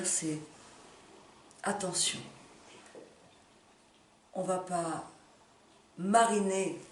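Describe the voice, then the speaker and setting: A woman with a low, darkish voice addresses the camera in an unscripted, impassioned personal appeal, halting, emphatic and prone to repeating phrases. She sounds far away in a roomy space, picked up by a distant mic along with background noise.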